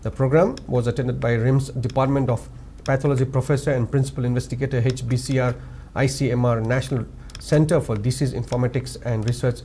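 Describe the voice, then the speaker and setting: A male news anchor with a Manipuri English accent, reading scripted headlines in a formal, measured way. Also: medium pitch, mellow, slight background noise. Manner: formal, measured, lifts each story opening.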